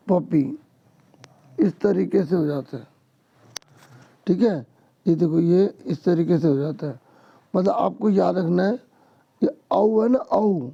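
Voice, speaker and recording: Hoarse, gravelly male tutor. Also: high voice, mellow, highs cut off. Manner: explains step by step, keeps asking "ठीक है". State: hoarse, sore throat. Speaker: teacher. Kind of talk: exam-prep lesson to students.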